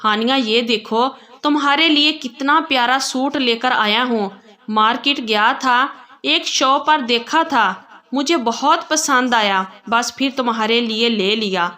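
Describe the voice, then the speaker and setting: Lady reading the part of a sweet young husband from a storybook, coaxing and affectionate, bright voice. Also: on the high side. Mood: tender. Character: loving young husband, tender and teasing.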